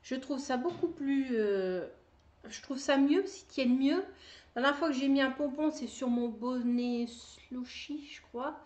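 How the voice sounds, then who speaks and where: Woman knitting vlogger, casual, rambling, self-mocking, a touch high-pitched; roomy echo. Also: unhurried, a little mellow, dull audio. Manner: chatty, rambling, many fillers, laughs at herself. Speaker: knitting video podcaster. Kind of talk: casual chat to camera.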